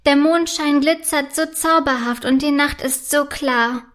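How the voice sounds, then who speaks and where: A woman voicing an eager, excitable young princess in a children's story, with a bright, breathless voice. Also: high-pitched, measured pace. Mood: excited.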